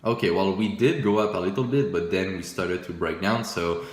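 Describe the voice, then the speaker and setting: A young forex trading YouTuber whose first language is French shares his screen and casually comments on his old work, in a low voice at a moderate pace with noticeable room echo. Relaxed and self-mocking, he chuckles often and fills his talk with "you know," "uh" and restarts.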